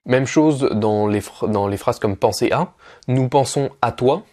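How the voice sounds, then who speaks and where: A man's voice: mid-range voice, a little slow, warm tone. Young male tutor, online lesson, talks it through with frequent fillers and restarts. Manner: explains step by step with many fillers and self-corrections. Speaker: language teacher.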